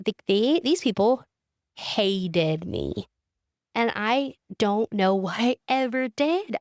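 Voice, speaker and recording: A woman's voice: fairly low pitch, gravelly, no echo, studio quality. A young woman telling a personal story in a casual, emotional way, full of "like" and restarts. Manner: emotional, filler-heavy, frequent restarts. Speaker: podcast guest sharing testimony.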